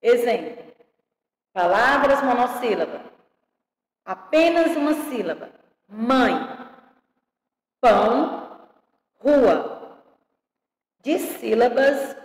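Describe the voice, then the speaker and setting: A woman teaching young children an online grammar lesson, drawing out each word slowly and checking in with them affectionately. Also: fairly high pitch, lively intonation. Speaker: primary school teacher. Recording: echoey room with long reverb.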